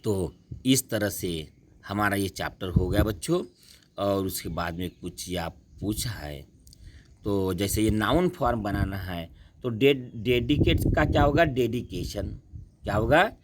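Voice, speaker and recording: A man teaching a class, slowly repeating words and asking and answering his own questions. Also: on the low side, background noise. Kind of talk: classroom lesson.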